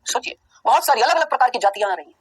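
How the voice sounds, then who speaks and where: A man teaching a biology exam-prep lecture, who asks rhetorical questions and answers them himself, repeats key terms slowly for emphasis, and plays his students' replies. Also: very high voice, lively intonation, a bit bright, breathy edge, no echo, rough recording.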